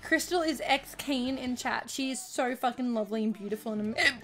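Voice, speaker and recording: A woman with a high voice talks casually to her stream viewers. She is gushing and giggly and swears freely, with hiccups that leave her short of breath. Faint music plays behind her. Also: moderate pace, a bit bright. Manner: hiccupping while talking. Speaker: livestreamer. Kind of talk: casual livestream chat with viewers.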